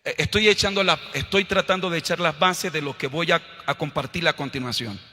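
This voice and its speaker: A Colombian man preaching a sermon, swinging from low, quiet asides up to loud, shouted scripture lines. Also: fairly quick. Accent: Colombian Spanish. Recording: long hall reverb.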